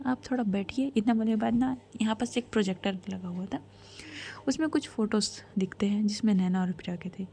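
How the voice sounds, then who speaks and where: Mellow-voiced woman telling a story casually. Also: mid-range voice, a little hiss or hum. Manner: chatty, talks straight to listeners with asides.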